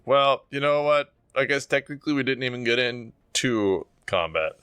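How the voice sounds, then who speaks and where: A man with a mid-pitched voice narrates a tabletop game as its game master. He is informal and rambling, swears freely, and sounds dry and close with no room echo. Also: lively intonation, normal speed, fairly bright tone, clean tone.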